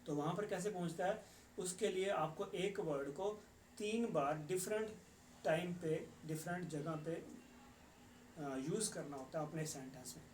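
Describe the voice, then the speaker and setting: A man teaching English in a patient, explanatory way, slowing down for English phrases. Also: fairly high pitch, slight background noise. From Punjab. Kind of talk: explanatory lesson. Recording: echoey, distant room mic with faint ambience.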